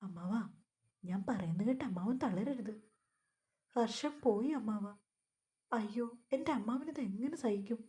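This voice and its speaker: A woman reading the part of a calm, vengeful young man who speaks in a controlled, cutting way. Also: mid-range voice, unhurried, long pauses, close to an everyday voice. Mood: coldly mocking.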